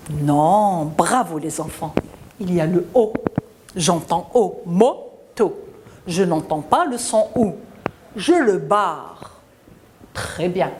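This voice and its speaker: A woman teaching a televised reading lesson to children, stretching and singing syllables up high and dropping low to praise. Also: darkish tone, slight background noise. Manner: slow, drawn-out syllables sung up high, then drops low to praise.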